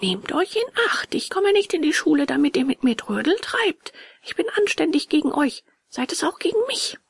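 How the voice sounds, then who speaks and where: A woman voicing an excitable young wooden puppet boy in a storybook reading, high and often whispered. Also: normal speed, gravelly, dry recording, exaggerated voice. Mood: defiant.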